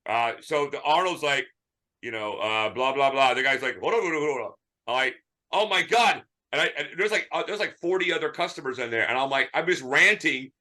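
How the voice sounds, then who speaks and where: A man co-hosting a casual movie chat, telling animated stories and ranting. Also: medium pitch, fairly quick. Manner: animated storyteller, ranting, does voices. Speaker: podcast co-host.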